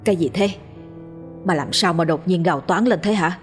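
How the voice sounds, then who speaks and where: A woman's voice: fairly low pitch, normal speed, faint music behind, natural voice. A woman voicing a worried middle-aged village husband who presses his wife with anxious questions, in a ghost story reading.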